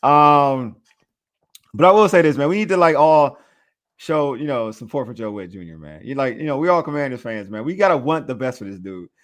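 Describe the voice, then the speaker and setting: A man hosting a casual sports podcast, talking in an animated, hyped way that swings from loud excitement to quiet asides, often repeating himself and ending lines with "man". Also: medium pitch, fairly quick. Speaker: podcast host.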